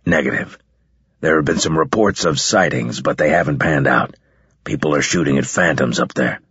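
A man's voice: extremely low pitch, normal speed, a bit bright, husky, no echo, highs cut off, pitched below the performer's own voice, heavily acted. Man playing a curt stern officer. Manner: clipped military orders.

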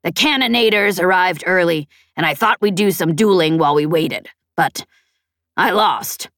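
A woman voicing a young male pirate pilot with a low, growling voice in an audiobook. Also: moderate pace, a bit bright, no echo, studio quality, close to an everyday voice. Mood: gruff.

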